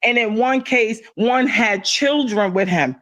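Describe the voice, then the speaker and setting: A woman's voice: a little high, takes it slowly, a bit bright, no echo. A middle-aged woman talking in a casual livestream chat, impassioned and emphatic, often repeating herself for stress.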